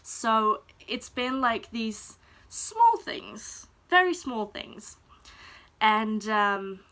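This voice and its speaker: A young woman from Denmark talks slowly and thoughtfully straight to her viewers, pausing often to find her words. Her voice is bright and clear, and she takes her time in an unhurried, reflective way. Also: on the high side, very animated. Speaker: vlogger. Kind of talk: personal confessional vlog talk.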